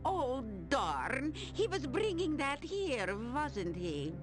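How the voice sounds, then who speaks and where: Gleeful creepy old witch from a fantasy game, mock-sweet, drags her words out, pitch all over. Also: sing-song, full character voice. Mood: teasing. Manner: theatrical, drawn-out, mock-sweet cackling delivery. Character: gleeful menacing old witch Baba Yaga, man-eating. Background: game music.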